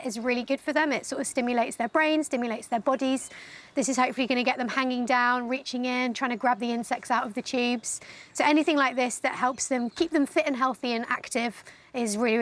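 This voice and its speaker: A woman's voice: high voice, a bit bright. A woman who works as a primate keeper, explaining things informally in a documentary interview.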